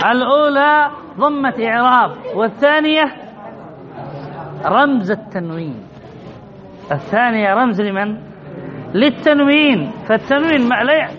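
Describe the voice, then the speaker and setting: A man's voice: very high voice, lo-fi sound, slight background noise. A man teaching an Arabic grammar lesson, stressing and repeating key points and quizzing his students as he goes. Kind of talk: classroom lesson.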